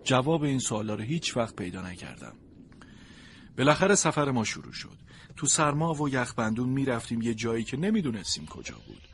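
A man tells a story in first person, speaking as a dog, with an earnest and expressive delivery. His voice sits at an ordinary middle pitch. Clear noise runs under the recording. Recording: noisy background.

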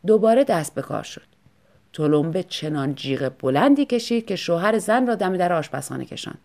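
A woman narrating a story in a calm, even audiobook reading. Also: fairly low pitch.

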